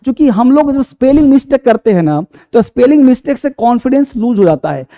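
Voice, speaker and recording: A man's voice: very high voice, sing-song, quick pace, warm tone. A man teaching a class, who quizzes the students, answers his own questions and repeats each point, calling students by affectionate terms. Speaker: English teacher.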